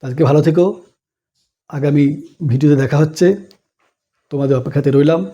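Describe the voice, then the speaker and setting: A male teacher works through a grammar lesson in a slightly high yet mellow, dark-toned voice. He explains slowly and patiently, asks the class questions and answers them himself. He recaps each point as a repeated list. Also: dull audio. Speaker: English teacher.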